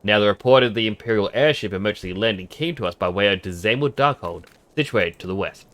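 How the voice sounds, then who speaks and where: A man voicing a courteous, formal knightly officer from a fantasy game, reading the dialogue aloud in a measured manner. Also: on the low side, fairly bright tone, natural voice. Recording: music behind the voice.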